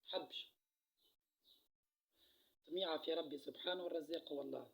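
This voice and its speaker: A man's voice: fairly high pitch, moderate pace, creaky, a bit bright, husky, poor audio. A man with a Tunisian accent giving a casual card-reading monologue, repeating phrases and letting them trail off into a near-murmur. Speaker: card reader.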